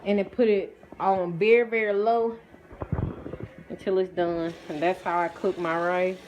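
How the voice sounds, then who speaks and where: A woman's voice: on the low side, level tone, measured pace, a little mellow, slight background noise. A woman chatting casually and folksily to her viewers in a home vlog. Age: adult, mother of children. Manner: folksy, addresses viewers as y'all and guys. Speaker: family vlogger. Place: at home, indoors.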